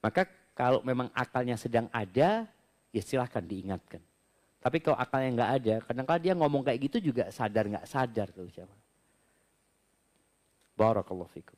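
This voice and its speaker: An Islamic preacher reads audience questions aloud and answers each in a relaxed, conversational manner during a Q&A religious talk. His voice is medium-pitched at normal speed, and he pauses often.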